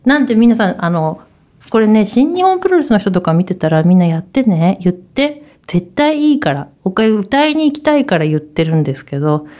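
A woman's voice: mid-range voice, big pitch swings, a little fast, darkish tone. Chatty rambling woman hosting a radio corner. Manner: chatty, rambling, calls herself by her own nickname; asks the co-host for confirmation. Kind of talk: casual radio chat.

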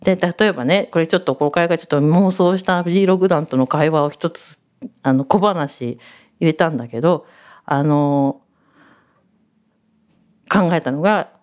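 A woman hosting a radio show, telling rambling stories in a chatty, animated way. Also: sits low, moderate pace, long pauses. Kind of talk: casual radio chat.

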